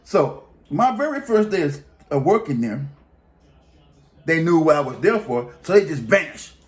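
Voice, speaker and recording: A man's voice: a little high, big pitch swings, moderate pace. Rambling man telling a story. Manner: rambling, colloquial, restarts sentences. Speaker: vlogger. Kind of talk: casual storytelling.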